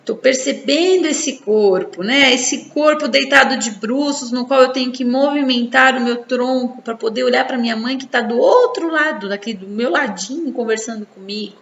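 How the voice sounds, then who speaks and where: A woman's voice: high voice, normal speed, gravelly, few pauses. A woman with a Brazilian Portuguese accent gives an informal talk on infant development. She keeps checking in with her listeners through tag questions. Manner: explanatory, with frequent tag questions. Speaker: psychology presenter. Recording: echoey room, dull sound, faint noise.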